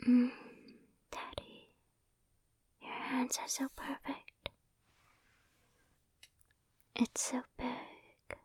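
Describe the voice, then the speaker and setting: In an intimate ASMR roleplay, a young woman whispers sweetly and affectionately up close to a sensitive mic. Her delivery is slow, even and monotone, her voice breathy, mellow and slightly high, with dry audio and no room sound.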